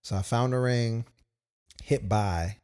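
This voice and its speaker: A man's voice: mid-range voice, takes it slowly, darkish tone, clear, resonant tone. A young man casually telling a personal story as a podcast co-host, loose and full of quoted asides. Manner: laid-back, storytelling with many "like"s and quoted asides.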